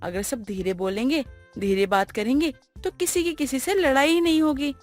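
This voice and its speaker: In an animated moral story, a woman voices a young daughter-in-law who is soft-spoken and patient, speaking slowly and gently. Her natural voice sits high and sounds calm and gentle, with faint music behind it.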